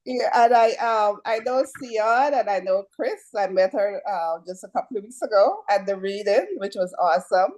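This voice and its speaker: A woman's voice: medium pitch, normal speed, few pauses, a little mellow. A woman from Guyana, a home care agency owner chatting and patiently explaining at a community meeting. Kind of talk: introducing herself at a community meeting.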